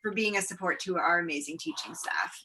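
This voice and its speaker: Upbeat woman running a school board meeting on a video call, bright crisp voice. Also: on the low side, fairly quick, a little hiss or hum. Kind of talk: chairing an online board meeting.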